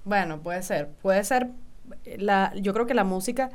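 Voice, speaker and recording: A woman's voice: mid-range voice, measured pace, slight background noise. A woman hosting an interview in a casual chat, agreeable and encouraging, with frequent "ujú" and "claro". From Venezuela. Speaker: interview host.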